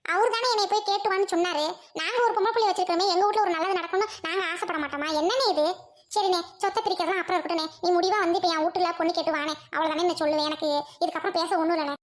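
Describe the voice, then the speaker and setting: A woman playing a sharp-tongued, quarrelsome village sister-in-law who nags and taunts in a comic family skit. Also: very high voice, steady tone, racing. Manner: nagging, taunting, argumentative. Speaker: skit performer playing several roles.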